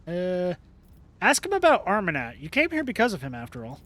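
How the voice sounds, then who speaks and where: Young male streamer; casual read-aloud of game text, slightly high pitch. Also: huge pitch swings, fairly quick, sharp tone. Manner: casual, joking asides between narration.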